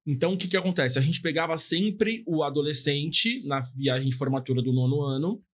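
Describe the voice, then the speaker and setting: A man's voice: a little high, a little fast. Laid-back man hosting a podcast. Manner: relaxed, casual, hesitant questions. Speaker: podcast host. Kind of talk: casual podcast interview.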